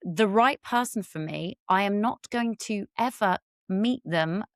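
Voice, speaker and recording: A woman's voice: mid-range voice, unhurried, dry recording, studio quality. A middle-aged woman from Britain, a relationship expert talking candidly as a podcast guest, swearing freely and acting out quotes in a raised voice. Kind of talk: candid conversational interview.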